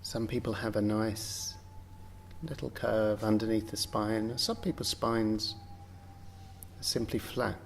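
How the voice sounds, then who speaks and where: Slight background noise sits under a man's fairly low, creaky voice as he leads yoga nidra meditation. His intonation stays fairly even, and he talks very slowly and gently, spacing short phrases generously in unhurried instruction.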